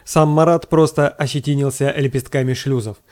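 A man narrating a science fiction audiobook in a steady, scripted reading. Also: mid-range voice, moderate pace.

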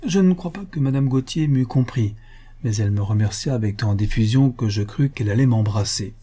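A man narrating a literary audiobook in a measured, even way. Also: medium pitch, husky. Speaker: audiobook reader.

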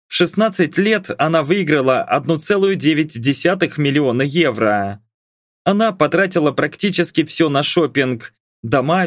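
A man's voice: mid-range voice, no room sound. A male audiobook narrator with a mid-range voice, reading a novel expressively. The recording is dry and close, with no room sound. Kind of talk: scripted narration.

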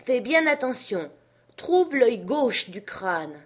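A raised, urgent voice for a feverish gentleman barking orders up into a tree, as a woman reading a storybook acts him out. He is impatient and commanding throughout. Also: fairly high pitch, big pitch swings, slow pace, pitched above the performer's own voice, heavily acted.

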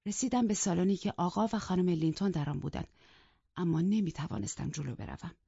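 A woman reading a novel aloud as a first-person audiobook narration, in a measured, steady storytelling manner. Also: lowish voice, creaky, slightly rough, no room sound. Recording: dull, dry lo-fi studio audio.

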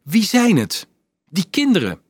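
A man reading an audiobook, voicing a teenage boy who is upset and bewildered, asking high, urgent questions. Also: very animated, moderate pace, no room sound.

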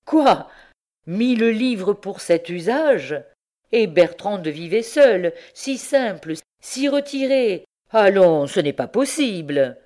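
A woman voicing an indignant, hot-tempered young husband in an audiobook, her voice rising high when outraged. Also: big pitch swings, measured pace, darkish tone. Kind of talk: audiobook character reading.

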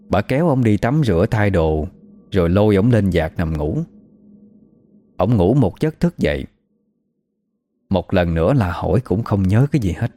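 A man with a low, dark-toned voice and a Southern Vietnamese accent recounts a spooky folk tale. His delivery is conversational and gossipy, like someone sharing rumors over coffee.

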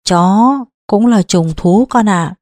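A woman's voice: mid-range voice, takes it slowly, darkish tone, no room sound, studio quality, close to an everyday voice. A woman reading an audiobook, voicing an anguished, loving middle-aged father who speaks tenderly and pleadingly.

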